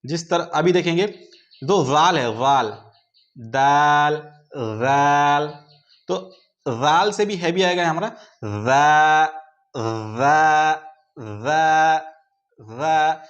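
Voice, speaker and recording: A man teaches pronunciation in a very slow, patient delivery, drawing out each sound and repeating it again and again. His voice sits a little higher than most men's. He keeps an instructive, methodical manner throughout. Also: expressive, a bit bright, muffled recording. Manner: patient, repeats each letter sound many times, drawn out. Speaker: Quran recitation teacher. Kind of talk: slow pronunciation lesson with drawn-out repetitions.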